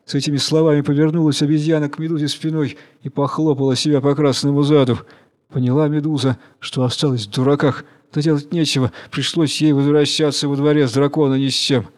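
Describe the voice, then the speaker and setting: A man narrating a fairy tale in a measured storytelling manner. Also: a little high, level tone, darkish tone.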